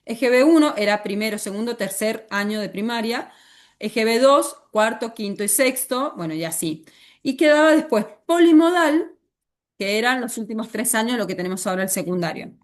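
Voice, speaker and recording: Fairly high-pitched and expressive, this woman teacher lectures at a normal pace in an Argentine Spanish accent, repeatedly turning to ask the class questions.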